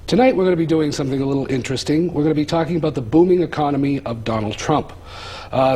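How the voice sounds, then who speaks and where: Male talk show host, husky, hesitant, fills gaps with "uh". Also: mid-range voice, darkish tone. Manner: hesitant, many fillers.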